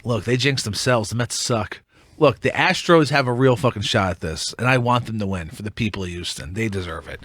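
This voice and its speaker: A man's voice: on the low side, a little fast, a bit bright, dry recording, studio quality. A man in his thirties, a radio show regular, chatting casually in a blunt, swearing manner. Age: 30s. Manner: blunt, profane. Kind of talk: casual chat.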